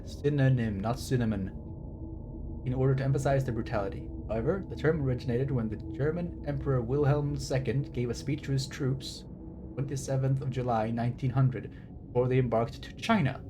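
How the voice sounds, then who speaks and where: A man streams games with wry, bookish commentary, now and then reading passages aloud. The recording is clear, with a rumbling noise in the background.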